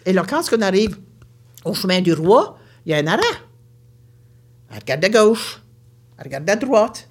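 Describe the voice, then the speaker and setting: A woman with an Acadian French accent telling a personal story in an animated, expressive way. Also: mid-range voice, normal speed, long pauses. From Baie Sainte-Marie, Nova Scotia. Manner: animated, expressive, often laughing. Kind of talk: live storytelling.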